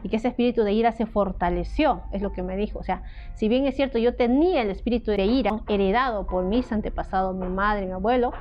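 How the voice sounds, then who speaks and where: Earnest Peruvian woman giving testimony. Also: medium pitch. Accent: Peruvian Spanish. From Peru. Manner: earnest, slow and halting, often asking "¿no?". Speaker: ministry speaker. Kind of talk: personal testimony sermon. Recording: dull lo-fi audio with faint music.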